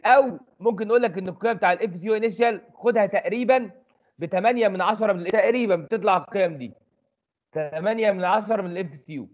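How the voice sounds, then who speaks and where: Man, Egyptian accent, high voice, rapid lecture delivery, muffled lo-fi recording. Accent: Egyptian Arabic. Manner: quick, chatty explaining with rhetorical questions. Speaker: engineering tutor.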